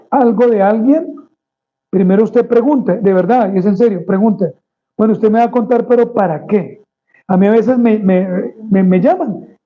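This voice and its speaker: A man's voice: high-pitched, narrow, tinny audio. A male pastor delivering a conversational sermon, addressing the congregation as brothers and acting out small quoted exchanges.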